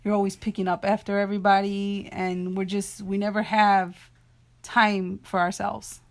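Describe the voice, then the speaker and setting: A woman's voice: medium pitch, little pitch movement, normal speed. A mother in her late thirties being interviewed, speaking frankly and matter-of-factly. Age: 30s.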